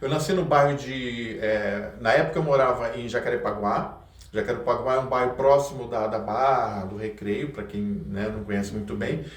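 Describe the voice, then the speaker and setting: A man's voice: medium pitch, normal speed, recorded from a distance. A man from Rio de Janeiro with a Carioca accent, a voice actor talking casually as a podcast guest, hesitant with many restarts. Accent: Carioca Brazilian Portuguese. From Rio de Janeiro, Brazil. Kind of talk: casual interview chat. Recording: echoey room, a bit off mic.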